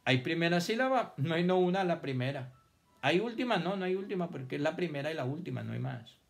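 A man teaching children reading and spelling online. He dictates words slowly, splits them into syllables and praises his pupils. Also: fairly high pitch, lively intonation, creaky, soft background music.

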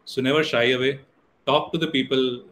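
A middle-aged native Hindi speaker from India lectures in English as an online guest, often pausing on fillers and starting sentences over. His mid-range voice is a bit bright, with fairly even intonation and a moderate pace. Captured indoors on a video call via a webcam or laptop mic, the sound has a faint hiss or hum.

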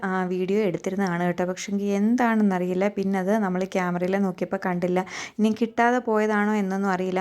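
A young adult woman with a Keralite Malayalam accent narrates a home cooking vlog in a voice-over recorded separately, her medium-pitched voice a little mellow. She is chatty, tags many sentences with a friendly aside, and often turns to ask viewers to share their thoughts.

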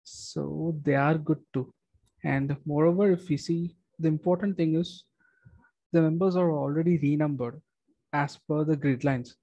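Methodical man walking through engineering software. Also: a little high, steady tone, no echo, dull audio. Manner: measured, methodical, with frequent fillers and restarts. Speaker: structural engineer demonstrating software. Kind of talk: screen-recorded software walkthrough.

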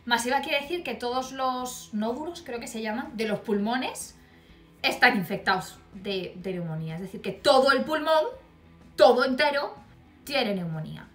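A woman's voice: a little high, expressive, moderate pace, fairly bright tone, echoey room, faint music behind. A woman, telling a storytime vlog tale in a blunt, wry and profane way. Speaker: vlogger.

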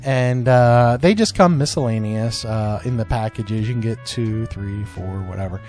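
A man's voice: fairly low pitch, moderate pace, a little mellow, faint music behind. A middle-aged man chatting casually with his child while unboxing toys, upbeat and full of fillers. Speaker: parent co-host unboxing toys. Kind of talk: casual family toy unboxing.

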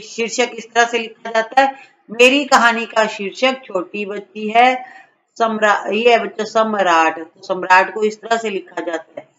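A woman's voice: mid-range voice, fairly bright tone. A woman teacher going through a homework worksheet for young children, repeating words and correcting their spellings. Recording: dull lo-fi voice-over.

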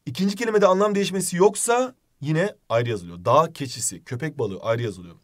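A man teaching an exam-prep grammar lesson, brisk and emphatic, calling out example words in a raised voice. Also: a little high, lively intonation, fairly bright tone.

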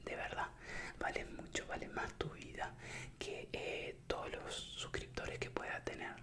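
A man's voice: measured pace, sharp tone. A young man with a Latin American Spanish voseo accent gives a soothing, repetitive, encouraging whispered pep talk in the style of motivational ASMR, close to the microphone. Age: young adult. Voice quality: breathy unvoiced whisper. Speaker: ASMR creator. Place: small indoor room with bare wall. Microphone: desk microphone up close.

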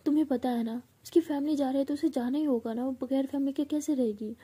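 A woman's voice: sits high, fairly even intonation, fast, dark tone, natural voice. A woman voicing a protective young woman friend who fusses and scolds to comfort. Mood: scolding. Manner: fussing, scolding, reassuring.

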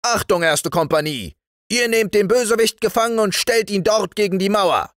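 A man voicing a gruff, bossy toy-soldier sergeant who barks commands in a storybook reading. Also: sits high, moderate pace, fairly bright tone, dry recording, clean studio sound, voice pushed up. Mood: commanding. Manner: barked commands.

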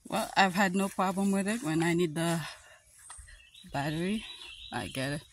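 A man's voice: sits high, moderate pace, slight background noise, poor audio. A man narrating a family walk through a park in casual, chatty commentary, recorded on a handheld phone outdoors. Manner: chatty, narrates the surroundings while walking. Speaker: family vlogger.

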